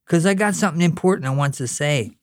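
Fast and lightly acted, a reader reading fiction aloud gives an earnest young boy a high, childlike, pleading voice as he questions in prayer and bosses his little brother. The recording is clean studio sound with no echo.

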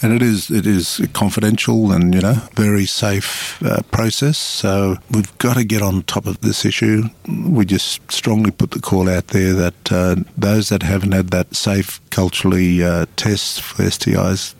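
Low, creaky man. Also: steady tone, measured pace, hardly any pauses, no room sound. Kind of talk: radio interview, earnest advocacy.

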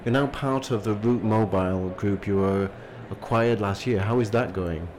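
A man's voice: lowish voice, normal speed, a crowd in the background. A man presenting as a podcast host, moving between scripted links and interview questions.

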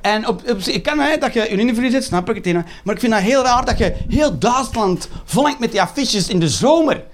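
Flemish man, thirties, high-pitched, stand-up comic, sarcastic, swearing rant. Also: animated, a little fast, hardly any pauses, a little hiss or hum. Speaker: stand-up comedian.

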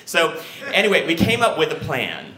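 A man telling a personal true story in an animated, excitable way. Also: moderate pace, reverberant. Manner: animated, excitable, acts out quotes with big pitch jumps.

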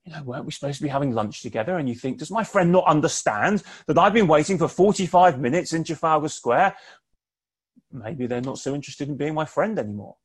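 A man giving a sermon online, speaking in a measured, conversational way with pauses for emphasis. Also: fairly high pitch, lively intonation, husky. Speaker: preacher. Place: home, preaching online.

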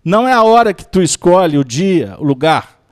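A man leads a study class in a high, bright register. His pitch swings widely as he jokes and acts out little everyday scenes. The talk is lively and conversational. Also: normal speed. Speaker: lecturer of a Spiritist study group.

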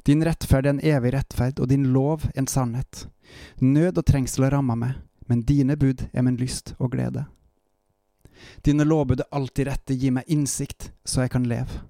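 Calm Norwegian man reading scripture. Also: medium pitch, creaky, no room sound, studio quality. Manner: calm, measured reading with short reflective asides. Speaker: Bible reader and preacher. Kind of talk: Bible reading with devotional commentary.

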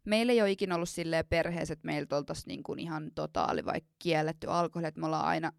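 A woman's voice: low-pitched, gravelly, no echo, clean studio sound. A woman in her twenties telling embarrassing stories in casual chat, often laughing as she talks.

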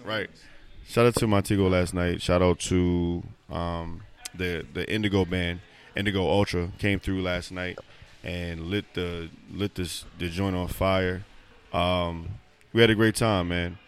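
A very deep-voiced man in his thirties hosting a laid-back podcast. He rambles and restarts, breaks into laughter often, and talks loudly and playfully. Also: level tone, a little slow, smooth. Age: 30s. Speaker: podcast co-host. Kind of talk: casual chat.

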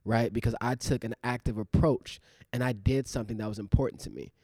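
Medium-pitched and warm with fairly even intonation, this actor in his thirties talks fairly quickly as a podcast co-host. His casual, reflective chat is loose and full of fillers, and the recording has no echo.

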